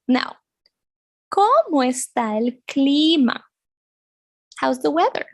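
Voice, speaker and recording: A woman teaching a beginners' language lesson for children, animated and playful, repeating words slowly with sound effects. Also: high-pitched, dry recording, clean studio sound. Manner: animated, exaggerated, slow repetitions with sound effects. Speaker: Spanish teacher.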